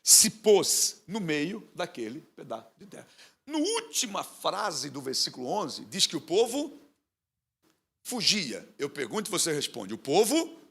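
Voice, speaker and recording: Brief: passionate man preaching, high and animated, questioning his congregation. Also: measured pace, husky. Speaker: pastor. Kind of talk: sermon.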